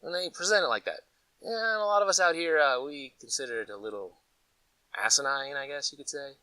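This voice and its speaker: This American vlog host from Colorado runs a preparedness gear channel and has a voice on the high side, speaking a little fast. His casual, rambling chat is animated and folksy, full of conversational stories and acted-out asides. Recorded from a distance with no room sound, the audio is poor.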